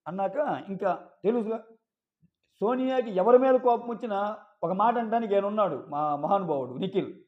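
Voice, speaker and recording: Animated man reviewing. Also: high-pitched, normal speed. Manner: animated, acts out quoted lines in raised voice. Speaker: reality show reviewer. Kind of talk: casual episode recap. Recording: dull lo-fi sound.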